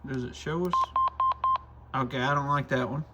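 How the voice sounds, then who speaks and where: Amid a very noisy background, a man with a mid-range voice speaks at normal speed. He reviews radios for a shop and hosts videos, here thinking aloud casually while tinkering in a hands-on product demo.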